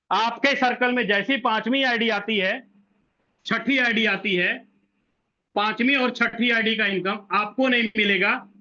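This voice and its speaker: Indian guy with a really high bright voice going over a plan slowly, asks himself stuff and answers it, kinda muffled sound. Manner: repetitive, asks questions and answers them himself; corrects himself mid-sentence. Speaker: presenter explaining a business plan. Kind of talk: explanatory walkthrough to an online audience.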